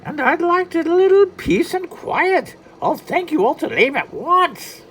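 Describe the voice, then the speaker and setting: A storyteller puts on a tiny, hot-tempered leprechaun from a storybook, proud and quick to take offence. The voice sits far higher than the reader's own and stretches its words slowly with lively rises and falls. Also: a little hiss or hum, heavily acted. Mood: angry. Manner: indignant, slow and deliberate. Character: small angry male leprechaun, touchy and proud.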